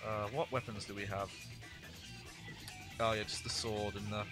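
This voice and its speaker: A man's voice: on the low side, little pitch movement, moderate pace. Man rambling over gameplay with music. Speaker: video game streamer. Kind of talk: casual gameplay commentary. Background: game music.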